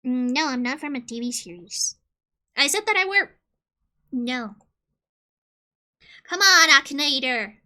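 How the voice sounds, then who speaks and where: A woman from Colombia streaming casually, joking and reading game questions aloud, with sudden loud squeals. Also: high-pitched, animated, a little slow, long pauses.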